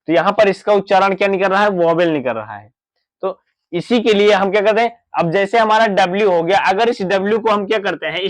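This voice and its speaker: A man's voice: high-pitched, dry recording. Man teaching grammar, fond of rhetorical questions. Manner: repetitive rhetorical questions, answers himself; says "thik hai" often. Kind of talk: classroom explanation.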